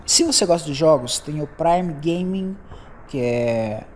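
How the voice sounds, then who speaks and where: A man's voice: a little high, animated, unhurried, slight background noise. A young Brazilian man with a Brazilian accent, hosting a solo podcast and chatting loosely as he drifts from topic to topic. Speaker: podcast host. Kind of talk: casual solo podcast chat.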